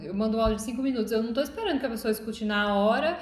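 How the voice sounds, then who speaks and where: A woman with a Brazilian Portuguese accent co-hosting a casual podcast with friends, talkative and quick to argue her point. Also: on the high side, a little mellow. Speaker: podcast co-host. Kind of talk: casual chat among friends. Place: friend's home. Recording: roomy home recording, faint hiss.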